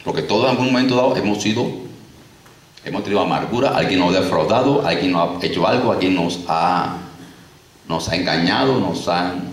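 Deep-voiced man preaching in an echoey hall. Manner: lively, repetitive preaching with sound effects. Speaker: pastor. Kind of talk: sermon. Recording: echoey room, distant mic, faint noise.

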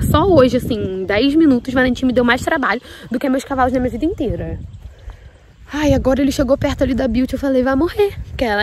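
Out in the rain on a horse farm, a woman vlogger with a rather high voice and a Brazilian Portuguese accent films by hand and chats to her camera. Nervous and shaky, she trembles as she talks and yells at a horse. There's a faint hiss or hum in the recording.

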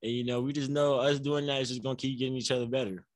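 A young adult college basketball player answers reporters at a postgame press table in front of a banner, soft-spoken, relaxed, and easygoing, sprinkling in plenty of "you know" and "like." His mid-pitched voice comes quickly. The table mic on a stand gives dry, close, rough sound.

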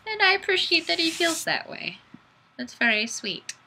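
Picked up by a webcam mic, this very high-pitched, gravelly voice belongs to a twenty-something woman livestreaming casually in front of a plain wall in a small room. The rough recording carries a little hiss or hum, and she speaks at a moderate pace. Bubbly and goofy, she reads out viewer comments, chats playfully, and sometimes squeals with excitement.

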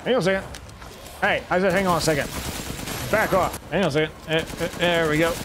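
A man's voice: fairly high pitch, fast talker, background noise. A man hosting a gaming channel, giving joking let's-play commentary and talking back to the game. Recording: voice over loud game sound and gunfire. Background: game gunfire and ambience.

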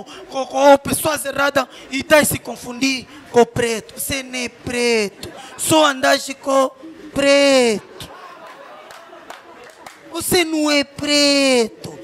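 Very high-voiced man roasting crudely. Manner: crude, mocking, mixes shouting with sing-song teasing. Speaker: comedian. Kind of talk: stand-up roast.

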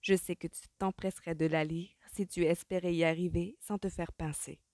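A woman's voice: lowish voice, fairly even intonation, moderate pace, darkish tone, no room sound, studio quality, natural voice. Woman playing a firm, sarcastic young lady. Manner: sarcastic, commanding.

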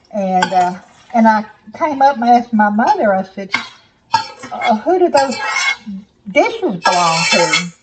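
An older woman with soft, slightly slurred toothless speech, chatting casually to camera in a folksy, plain-spoken, rambling way in her kitchen. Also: medium pitch, background noise. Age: older, 60s or above. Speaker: home cooking vlogger. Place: small home kitchen, indoors.

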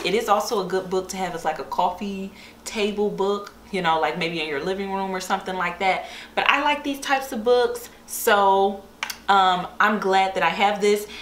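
Fairly bright in tone and lowish in pitch, a young adult woman chats to camera about things she likes, casual and enthusiastic like a book vlogger. The echoey recording, made in a small bare-walled indoor room, carries a faint background hiss.

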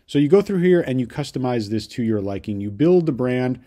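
A young adult man walking viewers through a software tutorial in an upbeat way, often tagging his sentences with "right?". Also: medium pitch, lively intonation, brisk. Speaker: online business course creator. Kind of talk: screen-share software tutorial.

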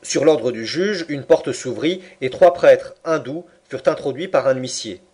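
A man narrating a classic novel in an expressive, animated reading. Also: mid-range voice, a little slow, husky. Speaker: audiobook reader.

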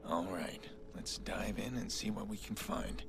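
A man playing a brooding, guarded vigilante hacker in a video game, speaking tersely and deadpan. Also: on the low side, unhurried, gravelly, noisy background. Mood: restrained. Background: loud game music.

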